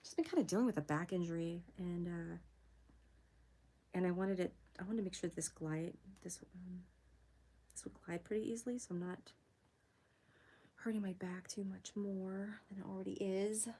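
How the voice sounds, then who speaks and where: A woman's voice: moderate pace, pauses often, dark tone, husky. Giggly woman chatting while she draws. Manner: chatty and giggly, greets viewers in a high voice. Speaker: art livestream host. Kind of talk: casual livestream chat while drawing.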